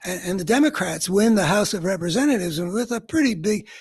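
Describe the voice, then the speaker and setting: A man with a somewhat husky, slightly breathy voice talks through a political commentary monologue as a radio host. He sounds earnest and searching, working his thoughts out aloud in long, winding sentences. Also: high-pitched, expressive, brisk.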